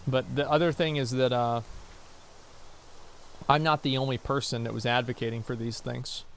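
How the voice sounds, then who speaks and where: A young man chats casually with livestream viewers as he games, reading out and bluntly answering their chat questions, wandering off mid-thought before circling back. He speaks into a desk mic at normal speed, medium-pitched, fairly even and fairly bright, with a faint hum beneath.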